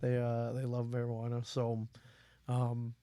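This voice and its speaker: A man chatting as a podcast guest, easygoing and quick to laugh along. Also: mid-range voice, completely flat delivery, dark tone, no echo. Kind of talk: casual chat.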